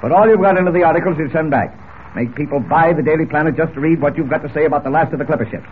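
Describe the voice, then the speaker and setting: An actor playing a brusque, bossy older newspaper editor in 1940s radio drama. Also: male voice, fairly high pitch, very fast, lightly acted. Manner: blustering, brusque. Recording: tinny old radio recording, faint noise.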